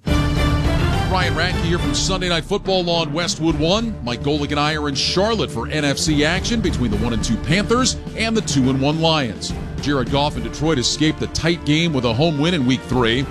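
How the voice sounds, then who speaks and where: A man in the smooth manner of a radio host, reading a scripted sports broadcast promo with a polished, even announcer delivery. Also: on the high side, normal speed. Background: music bed.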